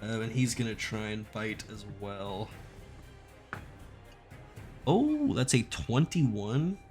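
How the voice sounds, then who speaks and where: With music playing behind him, a man runs a tabletop role-playing game as game master, speaking slowly in a lowish, darkish voice with big pitch swings. He talks casually and slangily, cracking jokes while explaining rules and narrating play.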